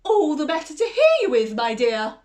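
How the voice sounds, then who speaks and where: A woman's voice: high-pitched, sing-song, moderate pace, darkish tone, voice pushed up. A woman voicing a snarling, greedy big bad wolf in a children's storybook reading, growling and gloating. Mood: sly growling.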